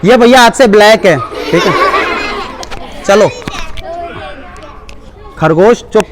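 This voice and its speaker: A man's voice: high-pitched, slow pace, a crowd in the background, background noise. A man giving a live demonstration speech at a school seminar, coaxing the children and mixing in English phrases. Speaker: seminar presenter.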